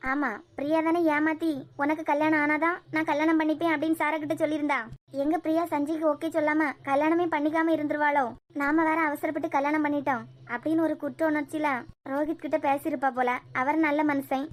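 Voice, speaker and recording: A woman with a Kanyakumari Tamil accent voicing a calm, sensible middle-aged mother in a cartoon web series. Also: high voice, fast, lightly acted. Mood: confiding. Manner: soothing, matter-of-fact.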